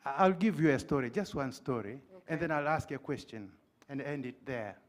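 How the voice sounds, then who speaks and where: A man's voice: mid-range voice, moderate pace. A middle-aged man putting an earnest, pointed question to a conference panel from the floor. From Tanzania. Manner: earnest, pointed, makes a case with stories. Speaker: audience member asking a question.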